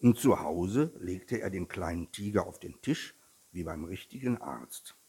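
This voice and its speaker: A man reading a children's story aloud in a slow, expressive manner, with a husky voice. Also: deep voice.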